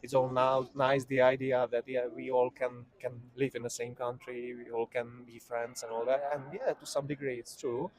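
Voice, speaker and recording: A man from the Republic, answering in a halting way with stumbling restarts. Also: mid-range voice, flat delivery, a little mellow, low-quality recording. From Czech Republic. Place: city street outdoors.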